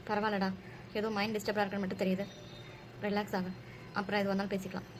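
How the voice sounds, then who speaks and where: Cartoon mother voiced by a woman, soothing and tender, pitched a little high, protective warmth in every line. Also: a little fast, noisy background, natural voice. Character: affectionate mother, gentle and protective. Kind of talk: cartoon drama voice acting.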